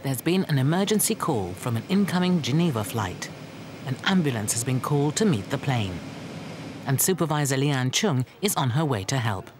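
Male narrator, scripted TV documentary, animated mid-range delivery over background noise. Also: mid-range voice, moderate pace. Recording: clear background location noise.

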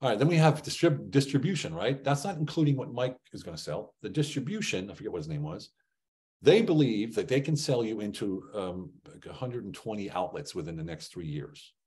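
On a group video call from an indoor room, captured through the video call mic, a low-voiced, middle-aged business trainer from Germany delivers a motivational talk built on anecdotes. He speaks fairly quickly, telling business stories with lively flair, acting out dialogue, and asking punchy rhetorical questions.

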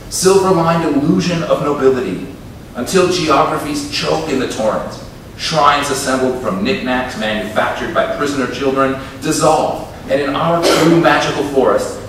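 A man from Minnesota giving a live poetry reading to an audience in a university room, measured in the poems and wry and offhand in the asides between them. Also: mid-range voice, fairly bright tone. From Minnesota, USA. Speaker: poet. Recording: echoey room, distant mic, background noise.

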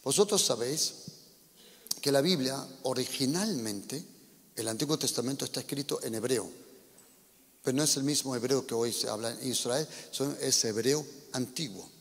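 A man's voice: mid-range voice, moderate pace. A pastor with a Spanish accent from Spain, preaching a sermon to his congregation, often checking in with them with questions. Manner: preaching with rising emphasis and repeated questions to the congregation. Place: church hall. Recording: church hall reverb.

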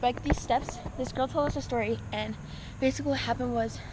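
High-voiced teen girl rambling while walking, tons of "like", loud street noise behind. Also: fairly even intonation, fairly quick. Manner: chatty, lots of "like" fillers. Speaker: vlogger. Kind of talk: casual walking vlog. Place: outdoors on town streets.

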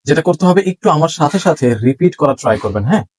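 A man teaching English pronunciation in a lesson, saying each word slowly and clearly twice so learners can repeat it. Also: fairly high pitch, animated, darkish tone, rough recording. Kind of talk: spoken language lesson.

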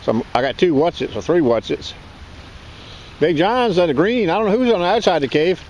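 A man's voice: a little high, fairly quick, slight background noise, rough recording. A man wading in shallow water on a beach, chatting casually while he hunts with a metal detector, recorded on a body-worn camera. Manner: relaxed, chatty, laughs often.

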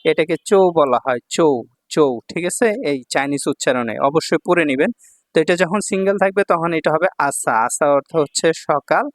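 A man's voice: on the high side, fairly quick, no room sound, clean studio sound. A male language teacher explaining kanji readings and meanings, repeating each reading and often checking that students follow. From Bangladesh.

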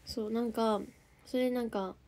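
A young woman with a Kansai accent talks casually on a livestream, her voice sitting a little higher than most. She chats freely, reading out viewer comments and answering them as she goes. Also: fairly even intonation, a little fast, a little mellow. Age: young adult. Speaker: idol group member streaming live.

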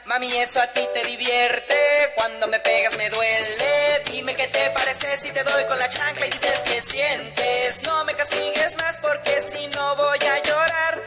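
Woman singing as a little kid begging mom to stop, sing-song, slow, over loud music. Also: high voice, little pitch movement. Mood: pleading. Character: scolded child pleading with mother. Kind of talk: sung children's song.

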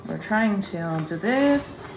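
A woman's voice: mid-range voice, animated, takes it slowly, music in the background. A woman in her thirties chatting casually to camera as a vlogger, thinking aloud in colloquial, mildly sweary language. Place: indoors at home, kitchen and other household rooms. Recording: echoey rooms with clear background noise.

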